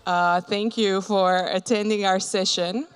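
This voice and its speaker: A woman's voice: medium pitch, fairly even intonation, a little slow, smooth. A woman opening an informal conference panel as moderator, hesitant, with many fillers and restarts. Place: conference session room.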